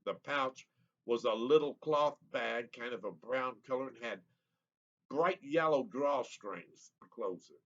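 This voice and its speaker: A man in his seventies reading his own childhood memoir aloud in an unhurried, reminiscing, plain-spoken way. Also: mid-range voice, fairly bright tone. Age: 70s. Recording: slightly muffled lo-fi recording.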